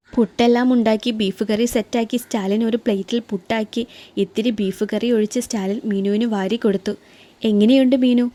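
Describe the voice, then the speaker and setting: Mellow woman reading a love story. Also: medium pitch. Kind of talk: scripted narration.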